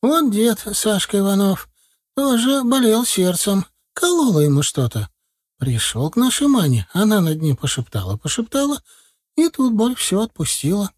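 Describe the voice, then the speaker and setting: A man's voice: high voice, very animated, normal speed, pitched above the performer's own voice. A man voicing a chatty old village grandmother who rambles on in rustic country speech. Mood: chattering. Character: fussy old village granny, chatty, complaining.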